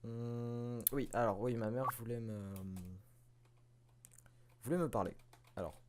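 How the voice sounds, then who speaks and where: A man's voice: medium pitch, slow, a little mellow, a little hiss or hum. A man giving casual, self-mocking commentary while playing a video game, swearing and chuckling now and then. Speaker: let's play host.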